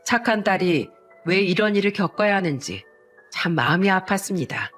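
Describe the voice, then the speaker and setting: Woman reading a story out, even tone, faint music in back. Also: medium pitch, normal speed. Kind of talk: scripted first-person story narration.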